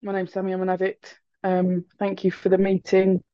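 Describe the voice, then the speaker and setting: A woman's voice: mid-range voice, monotone, normal speed, mellow, dry recording. A woman sharing hesitantly at an online recovery meeting, with many ums, over a video call. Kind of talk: hesitant personal share. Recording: slightly dull video call audio.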